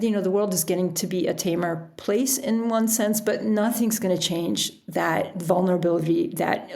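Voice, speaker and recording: In this interview, an author and sailor reflects in a casual way, frequently breaking into chuckles. Her voice is mid-range, a little mellow, and touched with vocal fry.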